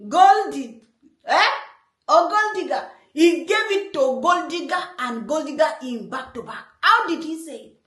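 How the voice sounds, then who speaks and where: Lively high-voiced Nigerian woman commentator. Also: unhurried. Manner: animated, laughs often, playful teasing. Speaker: online commentator. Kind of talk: reaction commentary. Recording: roomy echo.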